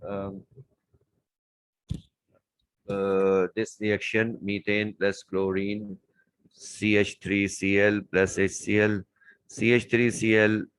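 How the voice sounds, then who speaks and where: Guy with going thru chem exam answers, lowish voice, super dry close sound. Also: clear, resonant tone, no echo, poor audio. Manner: explains step by step, repeats key words. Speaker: chemistry tutor. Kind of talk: exam paper walkthrough lesson.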